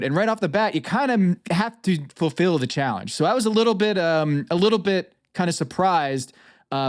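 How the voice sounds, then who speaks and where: A man from New England hosting a podcast, talking through draft picks casually with frequent ums. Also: a little high. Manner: hesitant, frequent ums and uhs. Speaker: podcast host. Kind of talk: casual chat, fantasy draft analysis.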